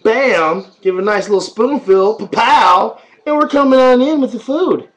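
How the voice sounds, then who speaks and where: In a small room at home, a man in his thirties films a home vlog on a webcam held at arm's length, talking playfully to his baby. His high voice moves at a normal speed, full of animated, singsong baby talk.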